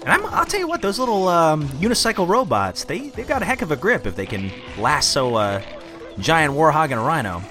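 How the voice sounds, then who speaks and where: A man's voice: on the high side, sing-song, fairly quick, bright, forceful tone, faint music behind. A man hosting a podcast, giving casual, chatty, amused running commentary on a cartoon. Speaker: podcast host.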